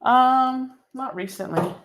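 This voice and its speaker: A woman's voice: sits high, takes it slowly, slight background noise. Chatty woman teaching a sewing project. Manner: chatty, reads viewer comments aloud. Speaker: sewing instructor. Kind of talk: live sewing tutorial. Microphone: laptop microphone.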